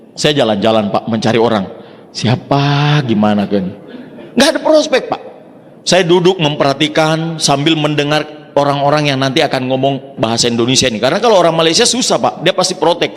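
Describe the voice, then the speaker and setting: A man giving a motivational talk to an audience, telling his story with acted-out dialogue and frequent direct address. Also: mid-range voice. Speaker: motivational speaker. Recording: long hall reverb.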